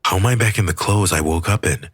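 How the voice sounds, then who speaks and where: A man voicing a dazed, shaken man who talks in a low, flat and uncertain way, reading him in an audiobook. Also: fast, husky, no room sound, studio quality. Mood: bewildered. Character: dazed, shaken man struggling to grasp events.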